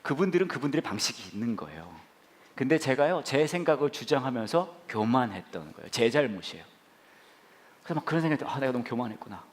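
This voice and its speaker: A lively male pastor preaching to his church, his pitch leaping around as he tells a story. He jokes, acts out other people's lines and now and then shouts. The delivery is playful storytelling rather than solemn preaching. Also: fast talker. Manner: animated, playful, mimics others and shouts in bursts. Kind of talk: humorous sermon storytelling. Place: church sanctuary.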